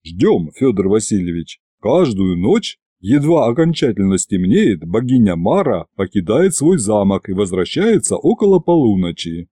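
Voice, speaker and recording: A man voicing a cautious male adviser who speaks politely and formally in a low, hushed way. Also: big pitch swings, normal speed, hardly any pauses, husky, no echo, studio quality. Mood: measured.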